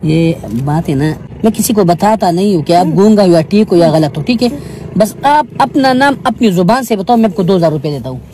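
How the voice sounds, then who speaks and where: A man's voice: high-pitched, expressive, brisk. A man talks to someone on a busy street, sometimes coaxing and pleading, sometimes stern and threatening. Light traffic noise comes from the street behind him. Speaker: street vlogger questioning a beggar. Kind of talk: casual street confrontation. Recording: faint traffic noise outdoors.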